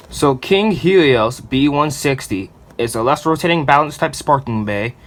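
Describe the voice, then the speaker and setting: A man in the middle of his pitch range chats his way through a toy unboxing, enthusiastic and loose with his fillers. A faint hum of room ambience sits behind his close, casual voice. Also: fairly bright tone.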